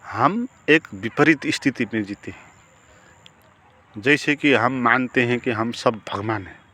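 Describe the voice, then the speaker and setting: A man's voice: mid-range voice, unhurried, bright, forceful tone. A man giving a spiritual talk on meditation as a teacher, reflective and asking rhetorical questions. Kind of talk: spiritual discourse.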